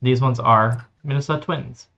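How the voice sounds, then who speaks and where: A man with a gravelly, creaky voice co-hosts a casual podcast and moves briskly through a list of names. The recording sounds slightly muffled and lo-fi. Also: mid-range voice, steady tone, a bit bright. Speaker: podcast co-host. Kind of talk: casual chat.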